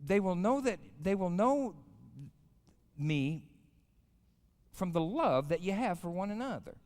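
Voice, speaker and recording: With a high, sing-song voice that's a little slow and a little mellow, a fifty-something American guest pastor preaches informally to a chapel audience. His manner is homespun, full of stories and questions aimed at the crowd. The recording carries the long echo of a large live hall.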